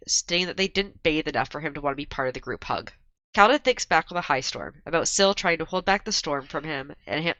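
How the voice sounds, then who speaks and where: A woman's voice: fairly low pitch, sharp tone, dry recording, rough recording. A woman hosting a casual book podcast while sick, her voice strained, recapping chapters and chatting with her co-hosts. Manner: reads the recap steadily, with frequent laughs in the banter. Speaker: podcast host.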